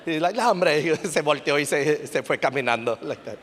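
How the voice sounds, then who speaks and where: A man preaching a sermon as pastor, telling stories in an animated way and sprinkling English fillers into his talk. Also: fairly high pitch, a little hiss or hum. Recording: long reverb of a church hall.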